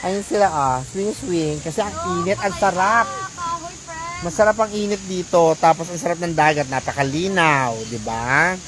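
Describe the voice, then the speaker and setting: A Filipina vlogger livestreams from an island beach, chatting casually and greeting viewers one by one by name with shout-outs. Her voice is fairly low and moderately paced, with a crowd audible behind her.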